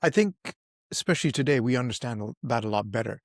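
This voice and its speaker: A man co-hosting a history podcast in casual chat, measured and reflective. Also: mid-range voice, animated, no room sound, studio quality. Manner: reflective, measured, breaks into laughs. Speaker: podcast co-host.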